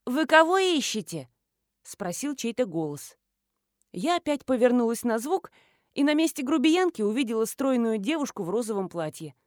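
An expressive woman narrates a novel with a lively, swinging pitch that sits somewhat high for a woman. Her storytelling is wry and ironic, recorded close and dry. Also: moderate pace, no room sound. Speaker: audiobook narrator. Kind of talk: scripted narration.

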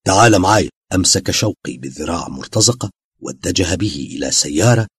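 A man narrating a dramatic audio story in a husky, expressive voice. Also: deep voice, brisk, no echo, clean studio sound.

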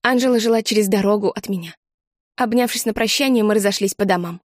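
A woman narrating a first-person story as an audiobook, measured and expressive. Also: medium pitch, dry recording, clean studio sound. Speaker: audiobook reader.

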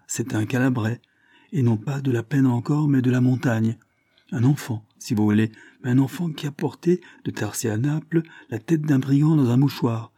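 A man's voice: medium pitch, dark tone, no echo, clean studio sound, pitched above the performer's own voice, close to an everyday voice. A man reading aloud and voicing a bold, cold young man from the Calabrian mountains, with an intense, rising delivery.

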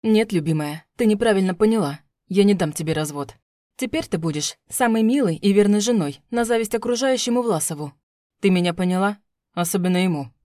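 A woman reading an audiobook, voicing a violent, furious young husband who shouts threats. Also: high-pitched, expressive, fairly quick, dry recording, clean studio sound. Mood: sinister. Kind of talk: audiobook character voice.

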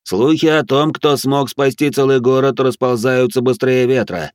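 A man voicing a second male lizardfolk guard, speaking higher and quicker than his partner, loudly proclaiming. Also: no echo, clean studio sound, close to an everyday voice.

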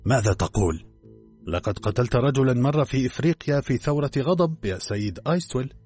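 A man voicing an agitated young man accused of murder, in a lower, husky voice. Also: brisk, soft background music. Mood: protesting. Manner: agitated, protesting.

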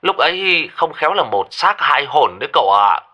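A man voicing a hurried village monk with an urgent, rushed delivery. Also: low voice, sing-song, sharp tone, highs cut off, full character voice. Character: hurried middle-aged male village monk.

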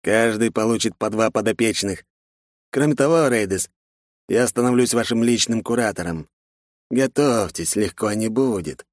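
A man voicing a stern, bossy, middle-aged male academy director in an audiobook, barking and scolding with drawn-out emphasis. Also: on the low side, dry recording, studio quality, voice pushed up, lightly acted. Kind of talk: audiobook character voice.

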